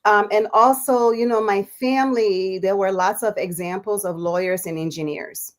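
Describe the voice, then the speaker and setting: A woman in her forties from Liberia, a physician telling her life story as a guest in a relaxed interview, chatty and quick to laugh. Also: mid-range voice. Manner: chatty, laughs often, many fillers.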